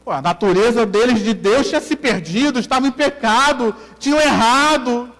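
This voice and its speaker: In a church hall, a Brazilian pastor with a Carioca accent preaches a sermon, repeating key lines and questioning the congregation. His voice is extremely high and a bit bright, delivered at a moderate pace in a large hall.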